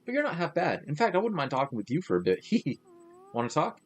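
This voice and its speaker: A man's voice: on the high side, huge pitch swings, fast talker, pitched above the performer's own voice. A man reading out the lines of a chirpy young Zora girl from a game, in a sing-song, gushing way. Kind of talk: reading game dialogue aloud.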